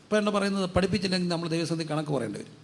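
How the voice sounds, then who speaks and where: A man preaching as a guest pastor, asking rhetorical questions, answering them himself and urging the congregation to repeat after him louder. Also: high voice, animated, rapid-fire, vocal fry, slight background noise. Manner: drives call-and-response, urging the crowd to say it louder. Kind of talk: sermon.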